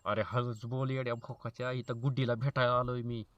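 A man voicing a young man hiding on a secret date, scolding his friend in a hushed, annoyed voice. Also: medium pitch, flat delivery, brisk, dry recording, highs cut off, pitched below the performer's own voice, close to an everyday voice. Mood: hushed irritation.

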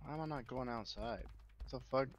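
A man's voice: mid-range voice, fairly quick, dull audio. A young man playing a co-op game with a friend, joking around with crude, goofy lines. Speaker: co-op gaming friend. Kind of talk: casual gameplay chat.

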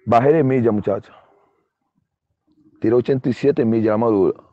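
A man's voice: mid-range voice, normal speed, dry recording. A middle-aged Dominican man, a former ballplayer, telling his story in a casual interview and acting out other people's lines. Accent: Dominican Spanish. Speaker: interview guest, former baseball player. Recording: dull, muffled dry sound.

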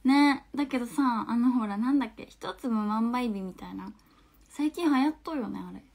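High-voiced young woman with Hakata dialect. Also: normal speed, creaky. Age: 20s. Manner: chatty, laughs often, trails into soft murmurs. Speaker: livestream host. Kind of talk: casual livestream chat reading viewer comments. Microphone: phone.

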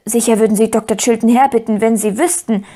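An eager young boy who pleads and presses his point in urgent, breathless bursts, as a woman reading a storybook puts him on. The voice sits fairly high and rushes along when he gets going. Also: steady tone, dark tone, breathy edge. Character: eager earnest young boy, talking fast. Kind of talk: audiobook character voice.

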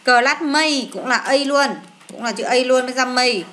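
Female English tutor, high bright voice, coaxing question-and-answer style. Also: moderate pace, faint music behind. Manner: coaxing, asks questions and answers them herself. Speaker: English teacher. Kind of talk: explaining test answers to a child.

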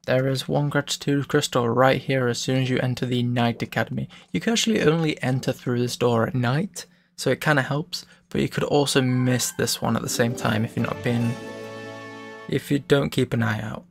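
A man's voice: medium pitch, moderate pace, creaky, faint music behind. A man giving casual, explanatory commentary as he plays through a video game. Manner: relaxed, explanatory, self-correcting. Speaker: let's play host.

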